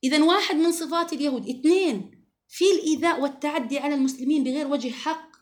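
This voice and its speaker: A woman teaches a religious lesson to a group of women. Her high voice moves along quickly, and she speaks with earnest emphasis, often quoting scripture.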